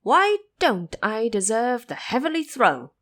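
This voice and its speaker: A woman's voice: fairly high pitch, sing-song, measured pace, fairly bright tone, voice pushed up. A woman voicing a brash, boastful immortal monkey king with a defiant, declamatory manner in an audio drama. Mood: cocky. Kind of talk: audio drama character acting.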